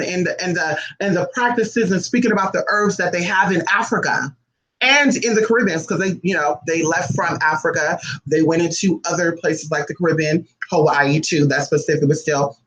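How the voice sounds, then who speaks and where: A man with a notably high-pitched voice delivers an unscripted, profane monologue to camera. He speaks bluntly and emphatically and keeps hammering his points with rhetorical questions. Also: fairly quick, fairly bright tone, poor audio. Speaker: spiritual practitioner vlogger.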